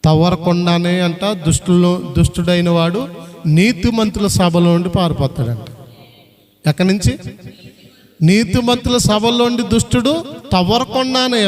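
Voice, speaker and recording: A man preaching a sermon as pastor, repeatedly urging the congregation to answer aloud. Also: high-pitched. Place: prayer hall. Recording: long hall reverb.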